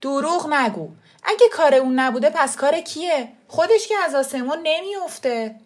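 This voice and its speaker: A woman's voice: sits high, voice pushed up, natural voice. An impatient, stern father, read by a woman in a storybook reading. He sounds raised and accusing, with no patience left.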